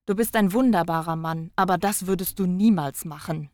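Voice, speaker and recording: A man's voice: sits high, normal speed, no room sound, studio quality, pitched above the performer's own voice, lightly acted. A man voicing a teasing young woman. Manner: teasing, wry. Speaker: audiobook narrator voicing a character. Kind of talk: audiobook character voice.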